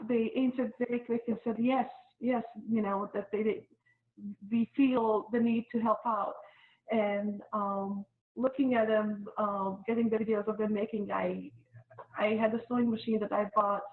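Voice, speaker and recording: A middle-aged woman from Bosnia and Herzegovina, interviewed as a guest, speaking hesitantly with many fillers and restarts. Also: a little high. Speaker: interview guest, volunteer mask maker. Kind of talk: casual interview. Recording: tinny phone-like line.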